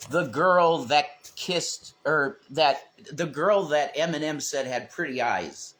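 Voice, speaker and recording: This fairly high-pitched streamer co-host talks slowly, yet his casual banter stays lively and emphatic, full of frequent swearing.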